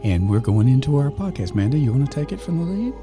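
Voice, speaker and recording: A man hosting a paranormal podcast, talking in a relaxed, halting way with many fillers. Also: mid-range voice, music in the background. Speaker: podcast host. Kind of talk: casual podcast chat.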